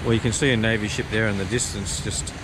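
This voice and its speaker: A man talks casually as he walks outdoors, making offhand remarks in a somewhat low voice. He is recorded on an action camera. Wind and traffic noise are clearly heard behind him. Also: fast talker. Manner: relaxed, remarks to himself as he walks. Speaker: vlogger. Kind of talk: casual walking tour commentary. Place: outdoors on a harbourside headland.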